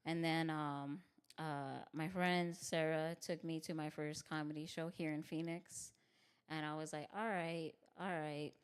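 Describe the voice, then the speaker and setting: A stand-up comedian from Tucson, Arizona, appears as a podcast guest, chatting candidly in a casual interview. Her deep, bassy voice stays level and clean, and her pace is unhurried. She laughs often and leans on fillers like "like" and "you know what I mean."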